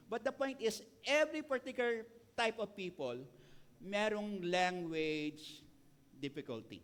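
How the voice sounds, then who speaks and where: A man's voice: sits high, lively intonation, slow pace, a bit bright. A middle-aged Filipino man with a Filipino accent preaching a sermon as pastor, switching between Tagalog and English with playful asides to the congregation. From Philippines.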